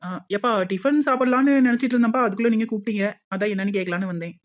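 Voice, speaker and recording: Cartoon casting: a woman playing a sassy, fast-talking village daughter with a Tirunelveli accent, dull lo-fi sound. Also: a little high, close to an everyday voice. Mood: defiant. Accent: Tirunelveli Tamil. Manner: cheeky, quick talking back.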